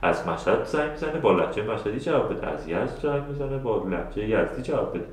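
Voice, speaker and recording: A man running a live webinar class, with a somewhat low voice, speaks in a loose, chatty way full of filler sounds and restarts. He turns straight to his listeners to take their questions. His computer mic picks up a strongly echoing room. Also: expressive. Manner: addresses the audience directly and answers their questions. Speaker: webinar instructor. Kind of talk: live online teaching. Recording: very echoey room.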